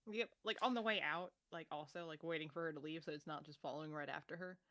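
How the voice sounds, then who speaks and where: A woman's voice: deep voice, fast talker, a bit bright. Casual, joking female tabletop player. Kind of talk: tabletop role-play, in and out of character.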